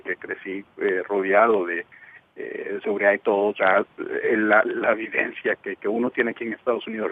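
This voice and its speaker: Low-voiced man on a tinny phone line. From El Salvador. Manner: hesitant, many fillers and restarts. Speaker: call-in panel guest. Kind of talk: live news debate. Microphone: telephone.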